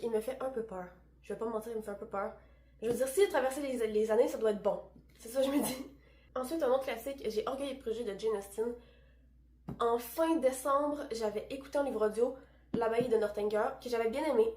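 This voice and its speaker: A woman's voice: a little high, a little fast, mellow, roomy sound. A young woman with a Québécois French accent, chatting enthusiastically about books she plans to read. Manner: chatty, enthusiastic, self-deprecating. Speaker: book vlogger. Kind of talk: casual book chat.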